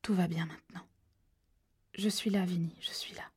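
Grieving guy whispering soft and hushed, woman reading, low warm husky voice. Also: fairly even intonation, slow pace, no room sound, clean studio sound, full character voice. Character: grieving man tending his dying brother. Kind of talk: audiobook reading.

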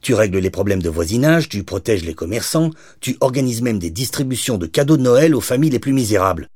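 A man's voice: fairly low pitch, animated, fast talker, darkish tone, dry recording, studio quality, pitched above the performer's own voice. A man voicing a blunt, insistent female police detective in an audiobook.

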